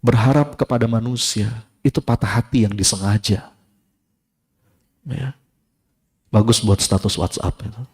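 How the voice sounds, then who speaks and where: A male Islamic preacher giving a sermon to a live congregation, a lively storyteller who talks straight to his listeners. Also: fairly low pitch, measured pace, pauses often, breathy edge.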